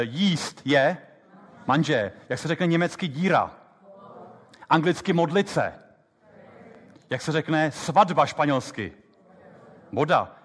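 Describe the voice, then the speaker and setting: A man lecturing on memory techniques before an audience, talking fast and lively with plenty of hesitations. His voice carries the long reverb of a lecture hall. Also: on the high side. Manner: lively, quick explanations with many fillers. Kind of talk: live lecture with app demo.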